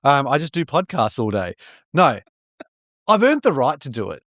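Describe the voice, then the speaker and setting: A man's voice: mid-range voice, very animated, normal speed, fairly bright tone, no echo. Candid rambling man, dry close sound. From born in India, raised in New Zealand. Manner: candid, rambling, restarts often with frequent "right?". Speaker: podcast guest, mortgage broker. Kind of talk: casual chat.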